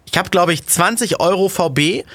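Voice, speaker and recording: A man co-hosting a casual chat podcast, telling stories in an animated, joking way. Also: high voice, moderate pace, no room sound. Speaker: podcast co-host.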